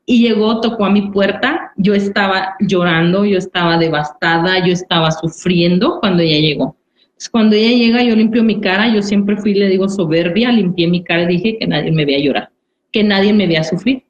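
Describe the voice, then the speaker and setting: A woman's voice: medium pitch, normal speed. A woman giving an earnest personal church testimony, repeating phrases and often asking "¿verdad?". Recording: roomy, dull recording.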